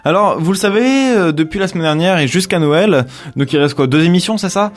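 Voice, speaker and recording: Man, radio co-host, casual chat, higher voice, rambling with fillers. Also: a little fast. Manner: rambling, many restarts and fillers, laughs often. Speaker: radio co-host presenting gift ideas.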